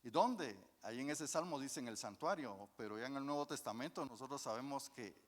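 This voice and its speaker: A man's voice: medium pitch, expressive, brisk. A man preaching a folksy sermon, often calling his listeners brothers and asking them questions that he then answers himself. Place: church hall. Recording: long church reverb.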